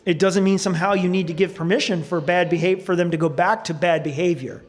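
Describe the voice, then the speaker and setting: A man giving a church sermon, earnest and thoughtful, reading suggestions aloud with occasional fillers and pauses. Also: high voice, steady tone. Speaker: preacher. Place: church sanctuary.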